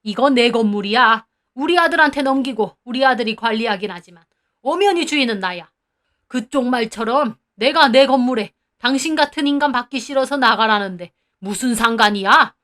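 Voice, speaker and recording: A woman's voice: on the high side, lively intonation, a bit bright. A woman voicing a stern, angry grandfather. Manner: slow, stern and scolding. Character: proud, angry old grandfather who owns the building.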